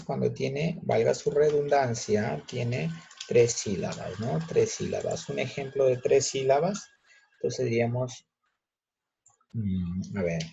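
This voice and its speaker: A male teacher patiently explaining a grammar lesson step by step, checking in with students with quick questions. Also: medium pitch, gravelly, dark tone, slight background noise. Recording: muffled lo-fi recording.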